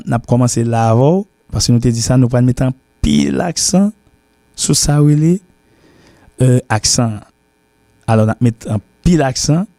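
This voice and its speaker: Man teaching English slowly. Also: mid-range voice, dark tone, no echo. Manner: repetitive, spells words letter by letter. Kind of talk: language lesson.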